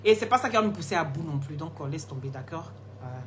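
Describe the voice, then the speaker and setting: Low-voiced and fast, she sounds animated as she hosts a phone live stream selling skin products. She works through viewer comments in turn with a teasing, easygoing manner and frequent laughter, while a faint hiss runs under everything.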